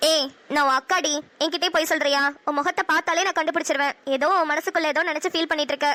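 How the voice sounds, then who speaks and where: Woman doing a lower-voiced teasing friend. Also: steady tone, very fast, bright, forceful tone.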